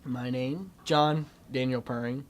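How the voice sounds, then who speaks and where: A man's voice: medium pitch, steady tone, unhurried, a little hiss or hum. An eighteen-year-old man, a graduating homeschool student, giving casual interview answers in an emphatic, offhand way.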